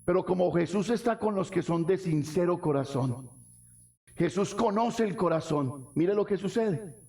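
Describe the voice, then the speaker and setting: A man preaching a sermon as pastor, asking the congregation questions and swinging from soft low lines to shouted ones. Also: lively intonation, a little slow.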